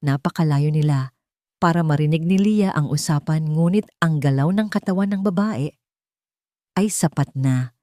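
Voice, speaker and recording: An audiobook narrator with a Filipino accent reads a scripted dramatic story in a low, slightly mellow voice. The studio recording is clean, with no echo.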